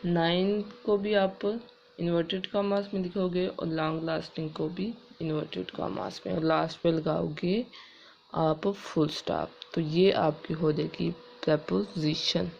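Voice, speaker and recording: A woman English teacher explaining grammar rules step by step, spelling words out letter by letter and reading English rules slowly and carefully. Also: lowish voice, fairly even intonation, creaky, darkish tone, dull audio, a little hiss or hum. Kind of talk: classroom-style grammar lesson.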